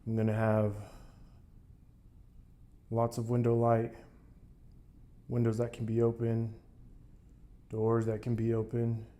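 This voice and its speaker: A man's voice: mid-range voice, monotone, slow pace, pauses often, dark tone. A man chatting casually to his vlog during a cold plunge, in a rambling way that repeats phrases for emphasis. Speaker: vlogger doing a cold plunge challenge.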